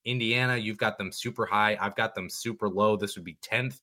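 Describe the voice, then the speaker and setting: A man on a sports podcast lays out his picks in a low, bright voice with some edge. He talks casually and weighs his words, pausing and correcting himself as he goes. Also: steady tone. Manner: thoughtful, hedging, many ums. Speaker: podcast guest.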